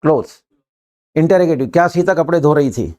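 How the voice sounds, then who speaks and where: Brisk, joking older male teacher. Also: a little high, mellow. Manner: brisk, joking, urging students to answer fast. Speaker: English teacher. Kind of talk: classroom English lesson. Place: classroom.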